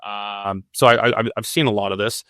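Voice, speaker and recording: A man's voice: on the low side, steady tone, fairly quick, pushed and bright, clean tone, dry recording, clean studio sound. A man conducting a news interview, hesitant, with many fillers and restarts.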